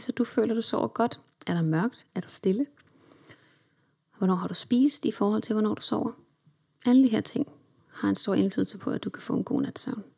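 A woman's voice: mid-range voice, gravelly, dark tone. A young woman hosting her own self-help podcast, chatting in an upbeat way and slipping English words into her talk. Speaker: podcast host.

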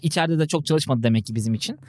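A man co-hosting a casual podcast chat, teasing his partner and cutting in with quick jokes. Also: a little high, darkish tone, dry recording. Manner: jokey, teasing, quick interjections. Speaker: podcast co-host.

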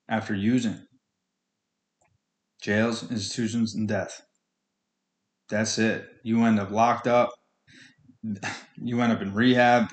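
Male solo podcast host, slightly deep voice, plain-spoken and earnest street-level pep talk with swearing, captured in an echoey room. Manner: blunt, earnest, sweary, colloquial. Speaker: podcast host speaking on addiction recovery. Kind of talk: informal motivational monologue.

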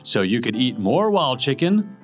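Hard-selling infomercial man, lively pitch. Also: moderate pace, faint music behind. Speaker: announcer. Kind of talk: infomercial parody.

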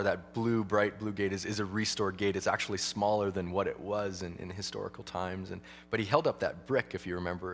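Low-voiced preacher in a reverberant hall. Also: male voice, a little hiss or hum. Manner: halting, repeats phrases for emphasis. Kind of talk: conversational sermon.

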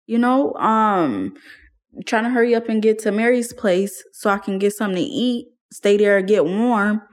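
A woman's voice: medium pitch, normal speed. A young woman telling her own story in an interview, candid and casual, using slang and laughing often. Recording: faint music underneath.

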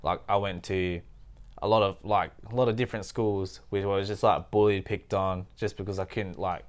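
A man from Thailand, a podcast guest telling his life story in casual conversation, halting and full of fillers. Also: sits low, fairly even intonation.

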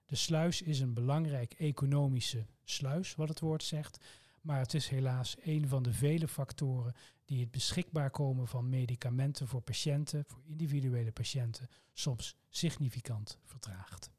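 A man with a Dutch accent, answering interview questions in a measured, formal way with precise terms. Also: medium pitch, a little mellow. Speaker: medical oncologist guest.

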